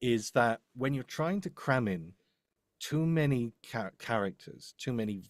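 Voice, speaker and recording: A demo producer gives unscripted, live coaching advice in a mid-range voice with lively intonation and an unhurried delivery. He's emphatic, repeats his points, and keeps checking in with "right?" The sound is studio quality with no echo.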